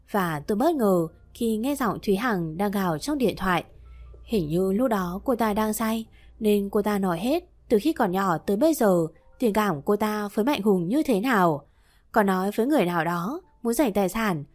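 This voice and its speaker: Female audiobook narrator, steady first-person reading, mid pitch, faint music bed. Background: soft background music.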